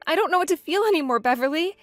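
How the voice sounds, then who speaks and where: A woman's voice: very high voice, expressive, very fast, a bit bright, no room sound, soft background music. A woman voicing a hurt, indignant young bride in a text-message story, speaking in an upset, pleading way.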